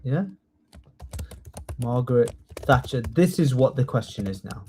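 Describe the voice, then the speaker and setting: A man teaching a live online class, lively and coaxing, repeating key words slowly for his students. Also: medium pitch, slight background noise. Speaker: test training tutor.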